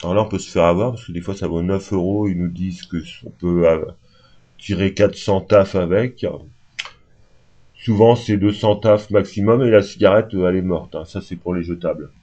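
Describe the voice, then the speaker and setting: A man's voice: low voice, steady tone, moderate pace, dark tone. A man talking casually and unscripted to camera, rambling and hesitant with lots of fillers, only just awake. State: just woken up. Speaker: vlogger. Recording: dull lo-fi home recording.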